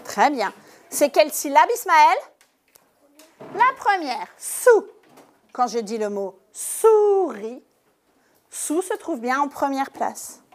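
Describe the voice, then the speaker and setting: A woman teacher giving a lesson to young pupils in a classroom, speaking slowly and clearly and stressing each syllable. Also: sits high, big pitch swings. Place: primary school classroom.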